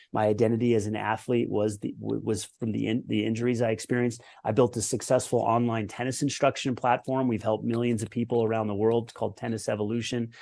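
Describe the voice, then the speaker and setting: Here the former pro tennis player, now a podcast guest, has a gravelly, somewhat mellow voice at medium pitch. The reflective forties-aged American shares stories interview-style, sincere in tone, with lists and false starts throughout.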